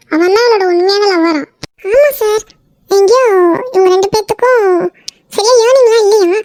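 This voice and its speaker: A pair of scheming young women from a cartoon, taunting and threatening with high, piercing voices, as a woman voices them. The sound is dry, with no room around it. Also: darkish tone, no room sound.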